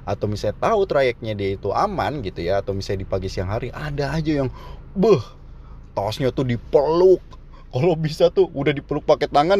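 A man's voice: medium pitch, a little mellow. Joking young man. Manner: joking, slangy, laughs at his own jokes. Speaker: vlogger. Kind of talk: casual comedic monologue. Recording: dull, slightly muffled recording.

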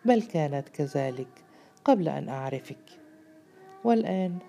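Storybook lover: a woman doing an earnest young man, deep gravelly tone, dark and low. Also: animated, normal speed, faint music behind. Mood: tender.

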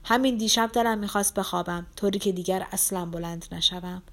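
A woman doing a weak, hoarse dying young man. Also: mid-range voice, close to an everyday voice. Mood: weary. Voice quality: hoarse, near-whispering. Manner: quiet and slow. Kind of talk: audiobook character reading.

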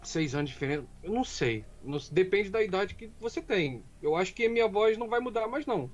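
A man's voice: high-pitched, fast talker, muffled recording, soft background music. A young man with a Brazilian Portuguese accent, a voice actor chatting casually and modestly as an interview guest. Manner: relaxed and modest, lively intonation.

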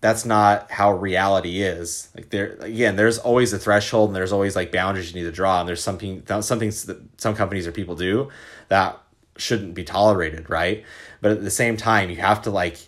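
Very deep-voiced man musing casually. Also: fairly even intonation, fairly quick, a bit bright. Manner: loose and conversational, frequent "right?" and "like". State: hiccuping. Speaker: host. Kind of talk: casual reflective monologue.

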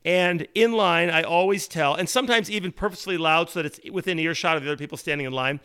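A man's voice: fairly high pitch, quick pace, pushed and bright, smooth. A man co-hosting a casual chat, enthusiastic and fond of corny jokes. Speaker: podcast co-host.

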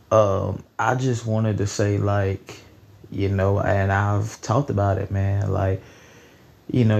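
Hosting his own podcast alone, this late-teen guy of nineteen has a lowish, somewhat mellow voice with vocal fry. His talk is rambling, loose, and full of profanity, like casual conversation.

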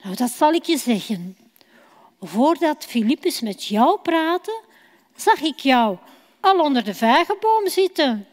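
A woman voicing a kind, gentle male teacher in a children's Bible story. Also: sits high, big pitch swings, slow, heavily acted. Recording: long church hall reverb.

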